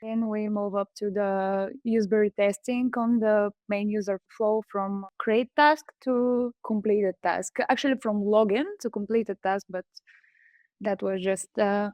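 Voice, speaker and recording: A woman from Bulgaria presents her startup in a webinar, pausing often on fillers. Her voice sits at a middle pitch. The sound is dry and close. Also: steady tone, darkish tone, no echo. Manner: hesitant, frequent fillers. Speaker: startup co-founder.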